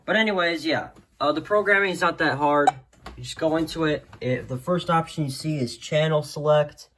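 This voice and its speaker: A hobbyist video maker, his voice on the high side and fairly bright, talks at a moderate pace through an unscripted, casual product demo. He meanders and hesitates, frequently trailing off into "so yeah." Background noise is clear in this amateur home recording.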